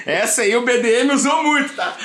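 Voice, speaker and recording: A man's voice: very high-pitched, lively intonation, brisk, a crowd in the background. A man around thirty, a guest telling laughing anecdotes and acting out both sides of the dialogue. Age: 30s.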